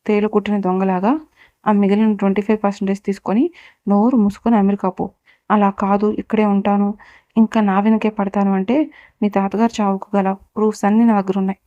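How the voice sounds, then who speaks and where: ఒక స్త్రీ పలికించిన చల్లగా, పగతో బెదిరించే యువ వ్యాపారవేత్త. స్వరం ఏకరీతిగా, ముదురుగా, ప్రశాంతంగా ఉంటుంది. ఇది కాస్త మందమైన, ప్రతిధ్వని లేని recording. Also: female voice, medium pitch, flat delivery, fairly quick, mellow, no echo, natural voice. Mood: threatening. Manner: coolly menacing, lays out accusations. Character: cold, powerful young businessman, vengeful. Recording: dull, dry recording.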